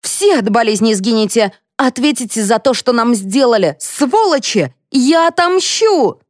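A woman's voice: on the high side, expressive, dry recording, clean studio sound, pitched above the performer's own voice. A woman reading a vengeful, screaming middle-aged woman who demands money, in an audiobook. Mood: furious. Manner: screaming, demanding, raised and drawn-out. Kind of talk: audiobook character voice.

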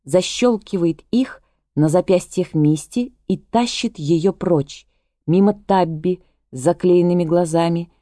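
Audiobook narrator: woman, low-set mellow voice, measured even reading, dry close studio sound. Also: no room sound.

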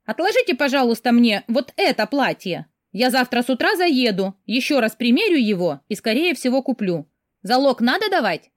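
A woman reading an audiobook, voicing a flippant, scheming young woman with a high, sing-song manner. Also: big pitch swings, normal speed, no room sound, clean studio sound. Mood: irritated.

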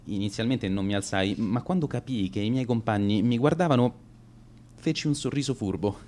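In a radio drama monologue, an actor plays a cowardly teenage schoolboy who boasts of being an accidental bully, his story broken by stammered hesitations. The man's voice is lowish, natural and a little mellow, at normal speed, and the mood is tense and rueful.

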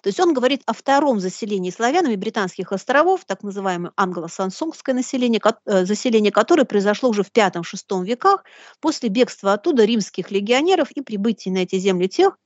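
A woman giving a deliberate, didactic lecture in bookish phrasing, reading out quotations as she goes. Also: mid-range voice, animated, dry recording, muffled recording. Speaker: lecturer hosting a live broadcast.

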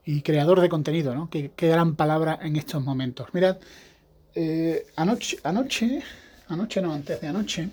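A man's voice: on the high side, normal speed, a little mellow, husky. A man hosting a podcast, talking in a rambling, casual monologue with frequent restarts. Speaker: podcast host; evangelical pastor.

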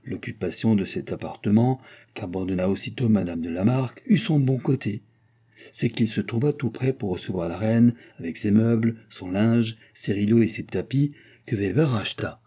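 A man reading a classic novel aloud as a narrator, with measured, even storytelling. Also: fairly low pitch, slightly rough. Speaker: audiobook narrator. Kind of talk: scripted narration.

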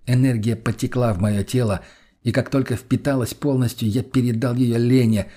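Husky male audiobook narrator. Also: mid-range voice, dark tone. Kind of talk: first-person audiobook narration.

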